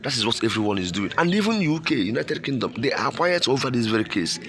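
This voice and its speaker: A man's voice: mid-range voice, sing-song, quick pace, fairly bright tone. A man with a Nigerian accent giving impassioned political commentary, emphatic, repeating phrases and posing rhetorical questions.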